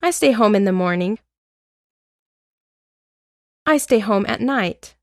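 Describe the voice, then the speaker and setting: A woman reading an English lesson aloud, with clear, deliberate drill phrases and an American accent. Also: mid-range voice, expressive, dry recording, clean studio sound. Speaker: English teacher. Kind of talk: slow scripted lesson reading.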